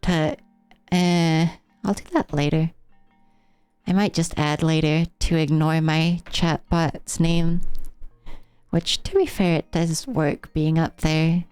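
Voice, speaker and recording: An American woman from the Rocky Mountain area casually commentates a game as a live streamer, musing and easily amused, over video game music. She has a slight speech impediment and a trained, affected silly voice that is deep, fairly even, slow, a little mellow, and clean, with no room sound.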